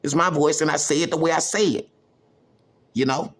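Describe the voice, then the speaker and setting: A man from the United States talking to camera about his own grievances, repeating himself with lots of "you know" and stretching some phrases out slowly. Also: on the high side. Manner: repetitive, emphatic, heavy use of "you know". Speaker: vlogger. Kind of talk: personal monologue to camera.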